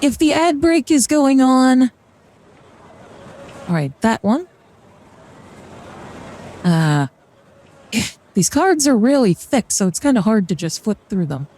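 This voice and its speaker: A young woman streamer jokes her way through a card reading on a live stream, rambling with fillers and short laughs. Her voice is fairly high, warm, and sing-song, and she speaks slowly with long pauses.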